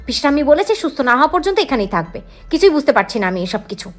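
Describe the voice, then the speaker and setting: A woman voicing a sharp-tongued, resentful middle-aged mother who scolds her son and daughter-in-law in a retold serial. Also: sits high, sing-song, rapid-fire, faint music behind. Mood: irritated. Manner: scolding, indignant.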